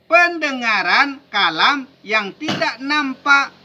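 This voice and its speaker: A man's voice: very high voice, expressive, takes it slowly, sharp tone. A man from Indonesia teaching Sufi mysticism in a rhythmic, emphatic way, often ending points with "begitu". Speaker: religious teacher.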